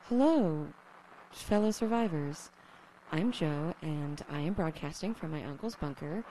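A woman's voice: deep voice, expressive, unhurried, warm tone, a little hiss or hum, poor audio. A woman playing a young survivor who broadcasts alone on the radio, rambling and self-deprecating, swearing when flustered, in an audio drama. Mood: anxious. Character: young woman survivor, lonely, nervous, wry.

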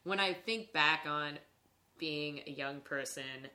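A young woman hosts a podcast in casual conversational chat, talking informally and filling her sentences with "like." Her voice is low and slow with a sharp tone; she is a podcast host and improv performer.

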